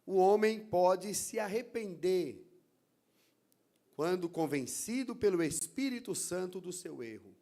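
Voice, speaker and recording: A man with a Brazilian Portuguese accent, preaching a sermon as pastor in a church, deliberate and emphatic. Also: high-pitched, animated, dark tone.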